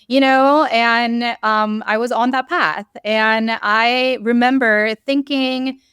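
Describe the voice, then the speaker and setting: Young woman from south korea telling her story, really smooth clear voice, a bit high, dry mic. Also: fairly even intonation, slow pace, a bit bright, no room sound. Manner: earnest, many ums and likes. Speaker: podcast guest, real estate investor. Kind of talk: casual interview storytelling.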